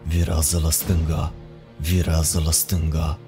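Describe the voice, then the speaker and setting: A man voicing a haunted car GPS that repeats slow, insistent commands in a low voice. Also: level tone, over music.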